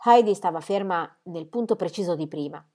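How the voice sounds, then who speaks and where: A woman's voice: fairly low pitch, brisk. A woman reading a children's novel aloud expressively. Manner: expressive, lively. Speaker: reader. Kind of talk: storybook reading.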